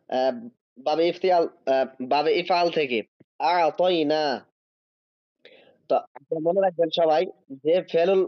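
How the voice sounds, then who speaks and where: A man's voice: fairly high pitch, no echo, muffled recording. A man teaching an online Arabic grammar class, explaining step by step, drawing out each Arabic word as he reads it, and checking whether students follow. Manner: drawn-out reading of Arabic words.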